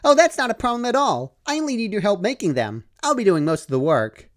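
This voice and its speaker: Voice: mid-range voice, sing-song, fast, pitched above the performer's own voice, lightly acted. A narrator voicing an overexcited, gleeful young female pony who gushes in an eager, chirpy way. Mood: cheerful.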